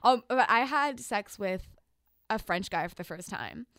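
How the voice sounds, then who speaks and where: A woman's voice: mid-range voice, lively intonation, measured pace, a bit bright, dry recording. A young woman talking candidly in a casual chat, full of "like" fillers. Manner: frequent "like" fillers, giggly and candid.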